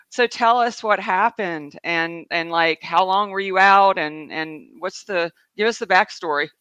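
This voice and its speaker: Bright chatty Southern woman. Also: lowish voice, measured pace, clear, resonant tone, dry recording. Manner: chatty, rambling, laughs often, reads viewer comments. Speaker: host, animal communicator. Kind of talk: casual live show chat. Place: home in Asheville.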